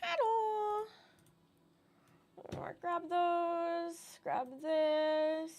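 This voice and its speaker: A woman streaming live, chatting casually, greeting viewers and squealing excitedly over subscriptions. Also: extremely high pitch, extremely slow. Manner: bubbly, greets chatters, gasps and squeals at subs.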